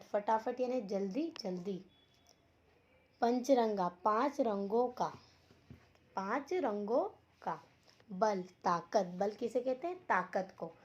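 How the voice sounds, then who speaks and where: A woman teaching young children in a slow, deliberate way, repeating each word and asking questions as she goes. Her voice sits a little high. The recording is dull and lo-fi. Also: a little mellow. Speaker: school teacher. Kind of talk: online Hindi lesson for young children.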